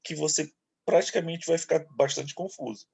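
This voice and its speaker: Gravelly Brazilian man teaching a class. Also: fairly high pitch, fairly even intonation, a little mellow. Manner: explains slowly, keeps checking in with "tá bom?" and "ok?". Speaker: English teacher. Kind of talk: online class lecture.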